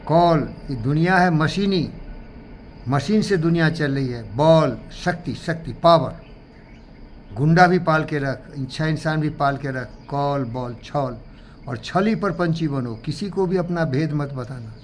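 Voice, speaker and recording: A man giving an emphatic, moralizing talk to a gathering, preachy, with sudden loud outbursts. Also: a little high, measured pace, a little hiss or hum. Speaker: speaker addressing a gathering. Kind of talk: moralizing motivational speech.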